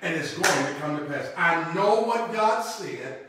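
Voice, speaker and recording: High-voiced preacher in an echoey room. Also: male voice, animated, unhurried, noisy background. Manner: preaching with call-outs and repetition, sweeping gestures. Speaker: pastor. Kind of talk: sermon. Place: church room with logo backdrop, standing at a lectern. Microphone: far camera. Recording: echoey room, mic far off.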